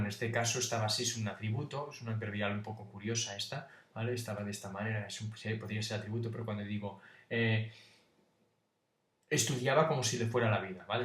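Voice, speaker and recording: A man's voice: medium pitch, distant mic. Casual man teaching in an echoey room. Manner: informal, checks in with "¿vale?" constantly. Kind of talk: casual exam-prep lesson.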